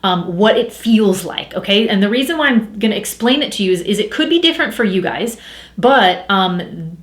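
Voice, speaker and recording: A woman speaking as a spiritual coach in a casual teaching talk, chatty and animated, acting out inner voices as she explains. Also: mid-range voice, moderate pace, reverberant.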